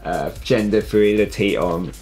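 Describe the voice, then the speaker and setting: Being interviewed as a designer, a young Hong Kong man speaks casually in his Hong Kong accent inside a small studio full of clothing rails. His pitch is fairly low and his tone darkish, at a measured pace, with faint music in the background.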